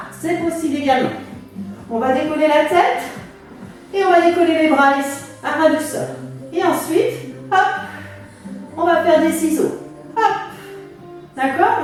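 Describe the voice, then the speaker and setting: Female fitness coach, very high voice, unhurried counting and encouraging cues, heard in a very echoey room. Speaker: fitness instructor leading a workout class. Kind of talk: exercise class instruction with counting. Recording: echoey room, distant mic, music behind.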